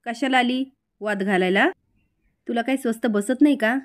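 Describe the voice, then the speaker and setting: A woman's voice: on the high side, moderate pace, lightly acted. A woman voicing an exasperated middle-aged husband who scolds his quarrelsome wife. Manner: exasperated, reproachful.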